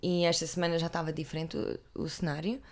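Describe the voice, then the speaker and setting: A woman's voice: deep voice, little pitch movement, fast, a little mellow. A woman with a European Portuguese accent chatting casually to viewers, rambling and breaking off with asides. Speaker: vlogger. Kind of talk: casual chat about TV.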